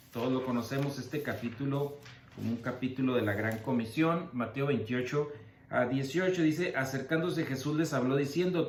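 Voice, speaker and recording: Male pastor-teacher, mid-pitched, patient and emphatic, recorded in an echoey church. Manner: teacherly, slow emphatic word-by-word explanations. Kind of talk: Bible-study sermon.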